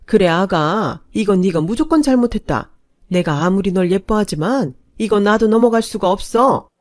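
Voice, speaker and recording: A woman's voice: mid-range voice, lively intonation, moderate pace, no room sound, clean studio sound, close to an everyday voice. A woman doing a stern scolding mother-in-law. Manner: scolding, indignant. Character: stern, angry middle-aged mother-in-law.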